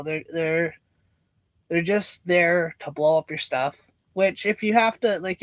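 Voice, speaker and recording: Slow-talking laid-back stoner guy. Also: sits high, fairly bright tone, dry recording. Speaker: live streamer. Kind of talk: casual rambling livestream chat.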